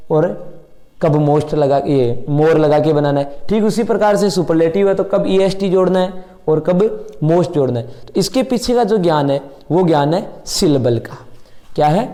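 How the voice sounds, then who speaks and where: A middle-aged man gives a classroom grammar lesson in a mellow, warm voice pitched a little high for a man. He explains each point step by step, often asking a question and then answering it himself. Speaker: English teacher.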